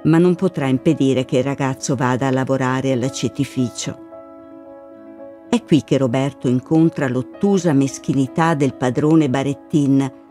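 A radio story presenter giving a calm, scripted recap of the previous episode. The voice is mellow and dark, with faint music playing underneath. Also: mid-range voice. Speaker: program presenter.

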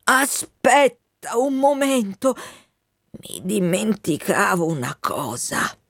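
A woman voicing a dying, proud old male army colonel, speaking slowly and wearily, sometimes sinking to a whisper. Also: sing-song, vocal fry, a bit bright, dry recording, studio quality, heavily acted. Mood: remorseful. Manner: slow, low and weary, sinking to a whisper.

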